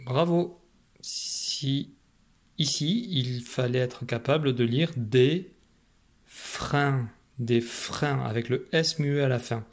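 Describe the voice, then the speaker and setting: A man's voice: mid-range voice, takes it slowly. A man teaching a phonics lesson to a young child, patient and encouraging, speaking straight to the learner.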